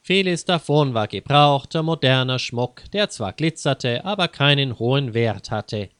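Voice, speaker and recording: Guy calmly reading a kids' story, slow, crisp voice, dry close mic. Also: mid-range voice, no room sound. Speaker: narrator. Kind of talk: reading a children's story aloud.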